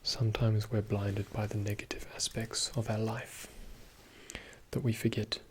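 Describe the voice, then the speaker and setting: Slow, soft-spoken man giving whispered ASMR pep talk. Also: lowish voice, flat delivery, a little hiss or hum. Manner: soothing, reassuring, slow and deliberate with pauses. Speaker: ASMR video host.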